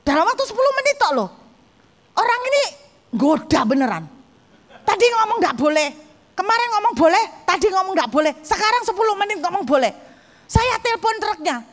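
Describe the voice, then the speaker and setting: A woman's voice: extremely high pitch, big pitch swings, a little fast, in a large hall. A woman pastor, preaching a sermon and telling stories animatedly, speaking directly to the congregation.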